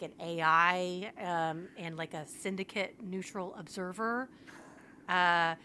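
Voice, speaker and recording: A woman's voice: on the low side, a little hiss or hum. Chatty young woman retelling a story. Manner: animated retelling, filled with "like". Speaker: podcast co-host. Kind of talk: casual book recap chat.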